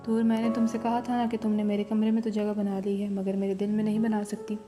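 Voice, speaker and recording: A proud young husband speaks in a firm, serious voice, read by a woman narrator in a storybook. Music plays softly beneath the lines. He speaks at a middling pitch. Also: monotone, close to an everyday voice. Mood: tender. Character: young husband, proud, stern turning tender.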